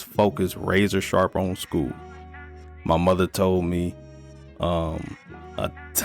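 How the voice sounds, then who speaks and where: A man in his thirties with a low, gravelly voice co-hosts a podcast. The talk is casual. He comes across as a laid-back storyteller offering blunt life advice laced with profanity.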